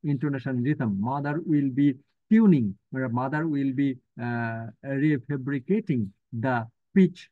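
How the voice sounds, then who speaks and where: A man with a Bangladeshi accent teaches a live online class, reading English text aloud and breaking it down in Bengali with frequent fillers. His voice sits at an ordinary middle pitch. The audio is thin and phone-like, with a dry, close sound. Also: no room sound. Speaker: university lecturer. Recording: tinny phone-like line, dry.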